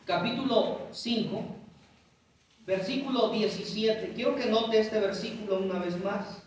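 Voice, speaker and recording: A man's voice: high voice, very echoey, far from the mic, poor audio. A man preaching a sermon as a guest pastor, emphatic and often calling his listeners brothers. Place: church hall.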